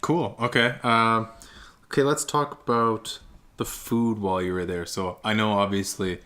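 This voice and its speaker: A man's voice: on the low side, fairly even intonation, measured pace, sharp tone. A man from Canada hosting a podcast, asking casual questions, laughing often and tossing in short encouraging replies. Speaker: podcast host. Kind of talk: casual interview.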